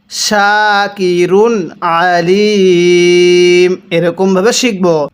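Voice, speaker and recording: A man from Bangladesh teaching Quran reading, chanting words slowly and drawn out, then explaining quickly and prompting listeners to repeat after him. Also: sits high. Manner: slow drawn-out recitation alternating with brisk explanation; asks and answers his own questions, prompting viewers to repeat. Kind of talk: spelling-out recitation lesson.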